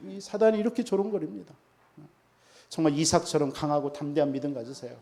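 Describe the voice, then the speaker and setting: A man's voice: on the high side, animated, fast talker, mellow. A man preaching a sermon as pastor, emphatic and full of rhetorical questions to the congregation.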